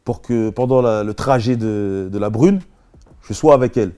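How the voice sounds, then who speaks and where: A man, an interview guest, telling his story casually in heavy street slang, animated and full of sound effects. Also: on the low side, normal speed.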